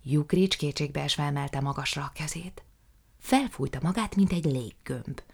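Gravelly-voiced woman narrating a story. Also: deep voice. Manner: expressive storytelling. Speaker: audiobook narrator. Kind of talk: literary narration.

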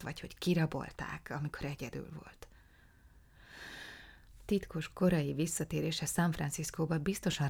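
Aggódó, halkan, félig suttogva mesélő asszony, akit egy felolvasó nő jelenít meg. A hang mély és enyhén recsegő, sokszor elhalkul. Bizalmas, visszafogott beszéd. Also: female voice, deep voice, creaky, a little mellow, breathy edge, exaggerated voice. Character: worried married woman confessing, hushed.

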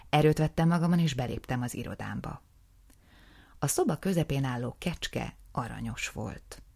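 A woman narrates a story in first person with a calm, wry, measured delivery. Her voice is low and gravelly with audible fry. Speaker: audiobook narrator.

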